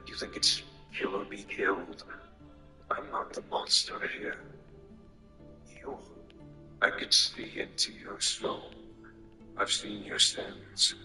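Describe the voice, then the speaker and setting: Story villain: male narrator as a huge petulant dark god, low-pitched, sneering internet-troll manner, cutting bright tone. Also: heavily acted, rough recording. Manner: sarcastic, whiny internet-troll delivery.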